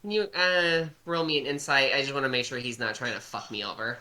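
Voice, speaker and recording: A woman's voice: a bass voice, brisk, sharp tone. A woman chatting casually as a tabletop game player, narrating what her character does.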